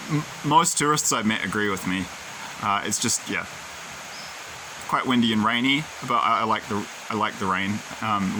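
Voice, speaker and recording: Against a noisy background, a lowish-voiced New Zealander chats into his own camera as a video creator, wandering off on tangents and voicing firm opinions in a loose, rambling way.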